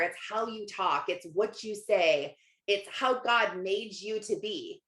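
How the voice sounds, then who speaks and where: A woman with a slightly high, bit-bright voice coaches informally in an echoey room. It's a casual motivational livestream where she talks to viewers, reads out comments, and uses repetition and rhetorical questions to drive points home, with roomy-sounding audio.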